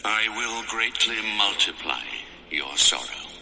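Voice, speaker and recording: A man's voice: on the low side, expressive, creaky, sharp tone, a little hiss or hum, full character voice. A man playing God as a stern, commanding deity in a dramatized audio scripture, speaking solemnly and weightily. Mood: grave condemnation. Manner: solemn, slow, weighty pronouncements.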